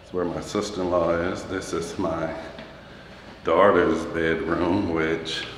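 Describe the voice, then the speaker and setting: Taking it slowly, a deep-voiced man with little pitch movement leads a chatty walking tour through his two-story house and partly onto the balcony, peppering it with fillers. He holds a phone camera while walking, and background noise is present.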